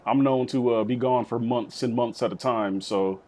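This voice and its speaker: A man's voice: mid-range voice, fairly even intonation, normal speed, a little mellow. A young man hosting a casual gaming video, rambling and slangy, calling everyone bro. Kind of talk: casual let's-play commentary.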